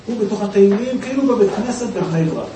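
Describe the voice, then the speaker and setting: A man's voice: high voice, expressive. A man giving a storytelling talk, acting out the voices of the people he quotes. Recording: echoey room, distant mic, faint noise.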